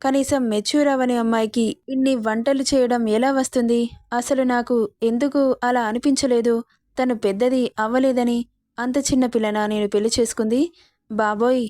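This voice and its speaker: A woman's voice: fairly high pitch, fairly even intonation, moderate pace, mellow, no room sound, clean studio sound, natural voice. Woman reading as a teasing young husband.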